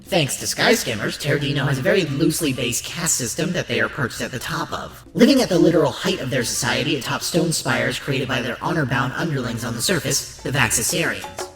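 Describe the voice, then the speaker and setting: Delivering a scripted documentary-style piece as narrator and host, this speaker talks fairly quickly and animatedly, with hardly any pauses, in an emphatic presenter's style. His voice is medium-pitched, and loud background music plays over a roomy echo.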